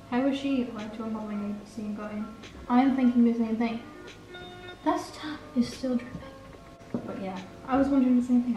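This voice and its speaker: A teenage girl chatting in a rambling, self-correcting way while she bakes in her home kitchen. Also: fairly high pitch. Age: teens. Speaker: vlogger. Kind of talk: casual baking vlog chat. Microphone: camera across the kitchen. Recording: roomy kitchen echo, distant camera mic, background music.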